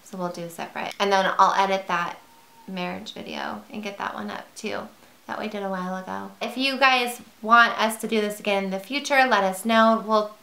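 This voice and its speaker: A woman talks casually to her viewers in a bright, ringing voice. She rambles a little, with fillers and restarts, as she chats from home. The room gives her voice a noticeable echo. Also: medium pitch, brisk, vocal fry. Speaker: vlogger. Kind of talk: casual chat to camera. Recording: roomy echo.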